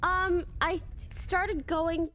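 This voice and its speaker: A woman's voice: very high-pitched, level tone, very slow, bright, forceful tone, slight background noise. A young woman chatting casually while streaming a game. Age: young adult.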